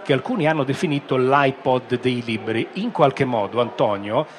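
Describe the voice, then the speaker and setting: A man hosting a live radio talk show, pausing mid-sentence as he presents. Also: mid-range voice, a little hiss or hum. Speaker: radio host. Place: live broadcast stand at a busy book fair.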